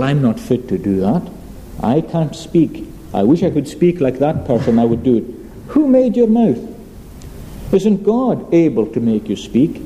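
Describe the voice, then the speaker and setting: Dark-voiced preacher in echoing hall. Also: male voice, medium pitch, a little hiss or hum. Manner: earnest, emphatic preaching with rising exclamations. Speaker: pastor. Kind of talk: sermon.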